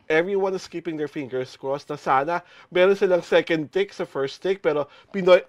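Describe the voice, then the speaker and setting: Gushing male showbiz host, fairly high. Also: normal speed, dry recording. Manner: gushing, effusive praise, playful. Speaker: showbiz talk show host. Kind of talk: casual showbiz chat in Taglish.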